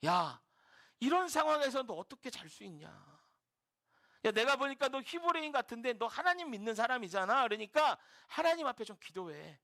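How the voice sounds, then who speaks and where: A male pastor acting out a blunt, rough-spoken ship captain during a sermon. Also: extremely high pitch, sing-song, moderate pace, sharp tone, exaggerated voice. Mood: exasperated.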